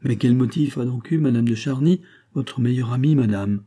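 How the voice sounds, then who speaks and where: A man's voice: medium pitch, moderate pace, mellow, pitched above the performer's own voice, natural voice. A man reading an audiobook and voicing a puzzled king who asks insistent questions.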